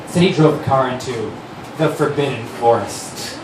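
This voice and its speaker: On a stage at a live fundraiser, a man who writes, directs and acts gives an overdramatic, theatrical comic reading of fan fiction. His voice sits in the mid range and moves at a normal speed. The recording is noisy, distant and echoey.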